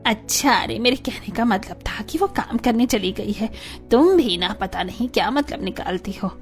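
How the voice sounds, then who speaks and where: A woman voicing a stern middle-aged neighbour in an animated story, scolding and brusque. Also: on the high side, normal speed, faint music behind, close to an everyday voice.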